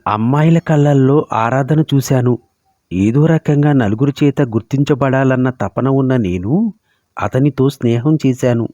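A man's voice: medium pitch, warm tone, no echo, natural voice. A man voicing a proud, scheming young woman who talks coolly and sarcastically. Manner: cool, sarcastic, self-assured. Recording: dull lo-fi recording.

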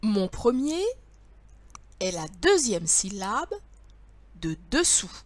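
A woman's voice: medium pitch, very animated, slow pace. A woman teacher leading young children through word riddles, patient and sing-song, speaking straight to the child.

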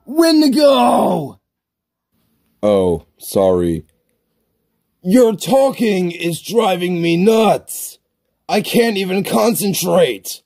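High-pitched whiny young monster, gravelly edge, easily flustered, quick to snap, voiced by a man. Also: big pitch swings, darkish tone, heavily acted. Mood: angry. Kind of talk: comic gaming sketch.

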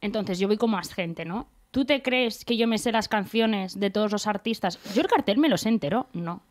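A woman's voice: medium pitch, normal speed. A young woman co-hosting a podcast in a radio studio, chatting casually with playful, teasing banter. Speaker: podcast co-host. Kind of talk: casual chat.

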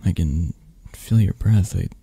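Low and warm, a man's heavily acted voice plays a possessive yet tender mafia boss in an ASMR romance roleplay. Intimate, teasing murmurs come slow and halting with a husky edge, captured in a close, dry recording, and the mood is tender and sleepy.

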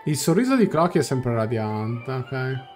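A young man streaming a game talks in a mid-range, slightly mellow voice that is very animated yet unhurried. His live commentary is casual, with thinking aloud, explanations and translations, and game music in the background.

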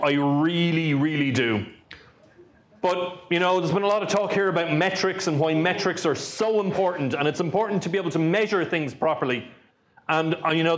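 Give me a joking Irish conference speaker, a man with a fairly high voice. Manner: dry, joking storyteller. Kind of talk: lightning talk at a tech meetup.

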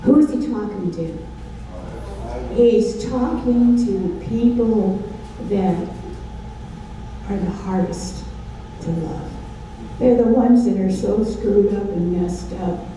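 An older woman preaches a Bible study from a stage lectern, pausing to throw questions at her listeners. Her voice is very dark and mellow, and she speaks slowly and deliberately. She sounds distant in a large, echoey hall with faint ambience behind her. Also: medium pitch, slight background noise. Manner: call-and-response questions, emphatic. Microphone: handheld mic.

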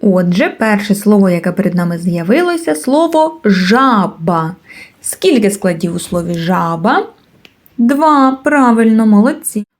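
A woman teaching a literacy lesson to preschool children, speaking slowly and drawing out each word clearly. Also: mid-range voice, very animated, a little mellow. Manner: slow, clearly enunciated, drawing out words. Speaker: kindergarten teacher.

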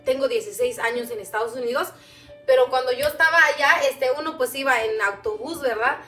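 A woman's voice: high-pitched, fairly quick, a bit bright, soft background music. A woman from Guatemala whose first language is Chuj, chatting casually on a home-kitchen livestream, reading out viewer comments and calling them "mamita". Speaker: cooking livestream host. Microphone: camera a little way off. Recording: echoey kitchen, distant mic.

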